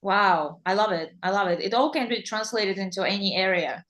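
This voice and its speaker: Speaking a little fast in a bright, medium-pitched voice, this Russian-accented interview host and English teacher keeps the English conversation casual. She chats eagerly and laughs easily.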